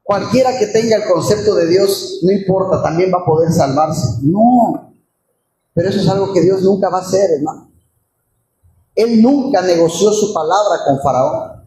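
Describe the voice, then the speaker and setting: A man's voice: high-pitched, normal speed, mellow. A man preaching a sermon as a pastor, emphatic and repetitive, firing rhetorical questions at the congregation. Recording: echoey hall with faint ambient noise.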